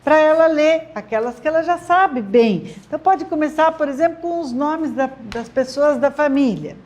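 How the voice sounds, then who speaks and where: High-voiced Brazilian woman giving friendly teaching advice. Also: normal speed. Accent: Brazilian Portuguese. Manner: warm and encouraging, with many tag questions. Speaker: literacy teacher answering parents' questions. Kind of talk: friendly advice talk to parents.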